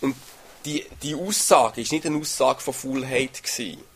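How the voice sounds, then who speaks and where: Husky preacher, conversational. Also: male voice, mid-range voice, moderate pace, fairly bright tone. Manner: conversational, often ends phrases with a questioning "oder?". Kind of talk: sermon explaining a Bible passage.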